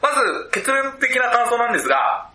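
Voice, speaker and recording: A man's voice: extremely high pitch, sing-song, a little fast, bright, forceful tone. A man co-hosting a casual movie review podcast, joking and teasing, then giving his review in polite formal phrasing. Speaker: podcast co-host. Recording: roomy echoey room.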